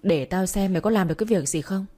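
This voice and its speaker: A woman's voice: medium pitch, quick pace, dark tone, natural voice. A woman voicing a harsh scolding father. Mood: angry scolding. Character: stern angry middle-aged father.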